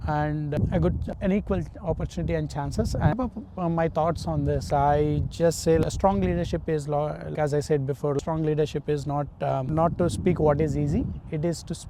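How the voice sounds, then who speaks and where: An earnest man answers interview questions as a candidate. His voice sits a little high, and he often stalls on fillers and restarts. Traffic noise and the hum of a street come through clearly behind him. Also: steady tone, moderate pace, few pauses. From India. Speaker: political candidate.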